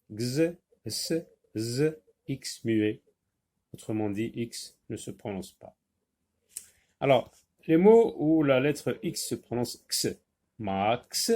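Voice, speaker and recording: A man teaching a French phonics lesson, slowly repeating and stressing each sound for young learners. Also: medium pitch, a little mellow.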